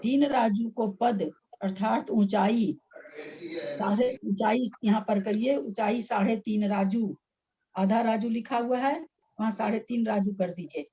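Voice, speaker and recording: A woman's voice: mid-range voice, unhurried, mellow, lo-fi sound, slight background noise. A woman teaching a religious text class, patiently repeating each step so her students can write it down. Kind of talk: explaining text line by line.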